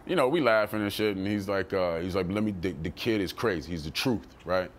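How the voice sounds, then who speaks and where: A man talking casually in an interview about his early rap career, loose and animated, jumping into quoted voices and swearing freely. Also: sits low, brisk, slight background noise. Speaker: rapper telling his story.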